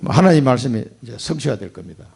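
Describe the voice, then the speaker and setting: A man preaching a sermon in a gravelly, husky voice. His pitch sits a little high and swings widely, rising and falling with emphatic bursts. He speaks as a pastor in a church sanctuary. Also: expressive, fast talker. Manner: emphatic preaching with sudden rises and drops in pitch and loudness.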